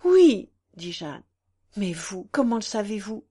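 A woman voicing an anguished young woman who pleads through her tears, in a slow storybook reading. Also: medium pitch, sing-song, dark tone, breathy edge, full character voice. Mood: indignant. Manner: pleading, tearful.

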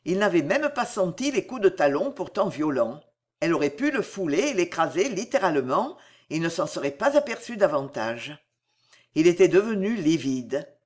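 A narrator giving a dramatic, expressive reading of a period novel. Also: medium pitch.

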